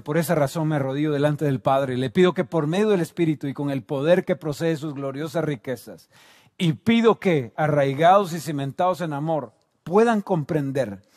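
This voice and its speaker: Man, guatemalan spanish accent, sermon, high voice, dry sound, quiet then shouting. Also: no room sound. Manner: swings from quiet reflection to loud shouted climaxes. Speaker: preacher.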